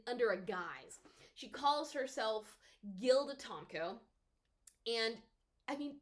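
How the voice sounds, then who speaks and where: A woman from the American South giving a casual, chatty spoken book review with expressive pitch jumps.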